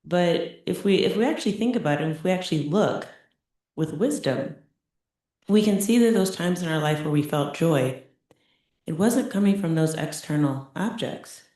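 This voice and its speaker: A woman with a low, dusky voice offers a relaxed, chatty dharma talk on meditation, laughing lightly between points and repeatedly checking in with her listeners. Her words ring around a very echoey room.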